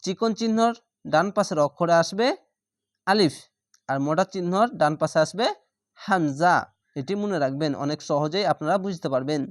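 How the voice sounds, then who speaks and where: A man's voice: a little high, normal speed, pauses often, no room sound, studio quality. Male Quran teacher spelling syllables. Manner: spells each letter and syllable, then drawls the joined word. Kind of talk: spelling-out Quran recitation lesson.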